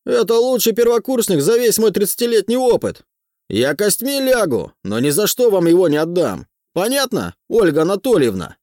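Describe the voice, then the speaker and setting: A man voicing an excitable, loud middle-aged male teacher in an audiobook. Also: fairly high pitch, normal speed, dry recording, studio quality, voice pushed up, exaggerated voice. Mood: excited.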